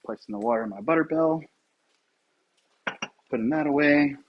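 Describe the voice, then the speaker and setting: A man casually narrating as he cooks breakfast in his home kitchen, relaxed and talking to the camera with joking asides. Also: fairly high pitch, normal speed, lo-fi sound, slight background noise. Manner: relaxed, talks to camera while cooking, self-deprecating asides. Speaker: home cooking vlogger.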